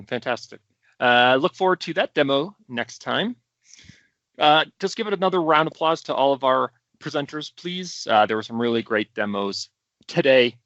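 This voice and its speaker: A man's voice: medium pitch, pushed and bright, dry recording. A man hosting a community video call, upbeat and chatty with fillers as he wraps up. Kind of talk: wrapping up a live community call. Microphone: video call mic. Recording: dull, dry video-call audio.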